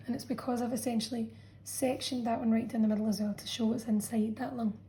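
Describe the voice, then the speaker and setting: A woman teacher walks students through a revision lesson in a patient, explanatory way, often pausing to check in. Her voice sits a little high but sounds mellow and warm. It comes across as a friendly classroom explanation. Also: poor audio. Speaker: science teacher. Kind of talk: revision lesson narration over a drawn diagram.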